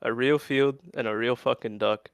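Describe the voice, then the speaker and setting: Young male co-host, smooth resonant voice, dry close sound, teasing jokey banter. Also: mid-range voice, steady tone, moderate pace, dry recording. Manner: teasing, goofy banter with swearing. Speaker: podcast co-host. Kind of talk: casual chat.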